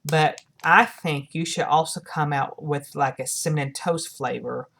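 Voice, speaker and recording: A woman giving a casual product review to her viewers, talking in a halting way and often rephrasing herself. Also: low-pitched, creaky, fairly bright tone.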